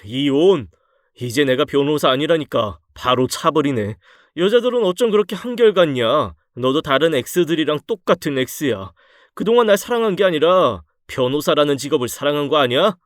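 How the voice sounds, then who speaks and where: A man's voice: fairly high pitch, lively intonation, dry recording, clean studio sound, close to an everyday voice. A man doing a sulky lying husband. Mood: belligerent. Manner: drawling, slow and sulky. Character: lying conman husband, sullen and defensive.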